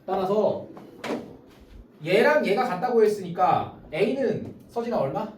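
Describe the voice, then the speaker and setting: Tutor teaching a small group, checks in with each student by name. Lively, up-and-down delivery, heard from across an echoey room. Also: medium pitch, takes it slowly. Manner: calls on students by name, explains step by step. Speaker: math tutor. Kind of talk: small-group math lesson. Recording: roomy sound from a distance.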